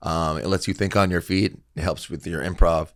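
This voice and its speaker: A man with a deep, gravelly, low harsh voice, a comedian telling anecdotes in casual, slangy, sweary podcast chat. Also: steady tone, a little fast, no echo, studio quality. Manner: slangy, profane, bro-like. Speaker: comedian and actor, guest.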